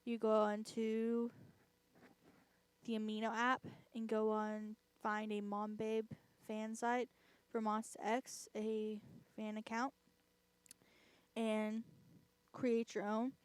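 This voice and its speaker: A woman's voice: fairly high pitch, completely flat delivery, slow pace, long pauses, smooth, dry recording. A woman vlogger chatting casually, rambling and filling her talk with "I mean" and self-mocking laughs. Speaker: vlogger and host. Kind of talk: casual chat.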